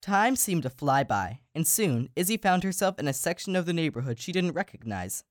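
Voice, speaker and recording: A man co-hosting a podcast and reading a children's story aloud, slowing down for emphasis. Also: a little high, sing-song, dry recording, studio quality. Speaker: podcast co-host and story reader. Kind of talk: storybook narration.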